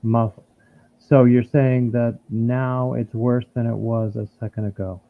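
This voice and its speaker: A man talks in an unhurried way, with a gravelly texture under his words. Everything he says sounds muffled, as if it comes through a wall, squeezed through a thin, phone-like built-in microphone. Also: mid-range voice, flat delivery, a little hiss or hum. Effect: muffled, as if heard through a wall. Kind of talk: casual chat while fixing his audio. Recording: muffled lo-fi internal computer mic.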